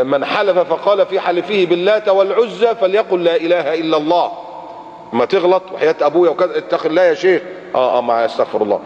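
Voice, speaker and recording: Fast, lively Egyptian preacher in a hall. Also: male voice, on the high side. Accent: Egyptian Arabic. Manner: animated, acts out everyday speech and quotes. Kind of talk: colloquial sermon. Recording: muffled lecture-hall recording with long reverb.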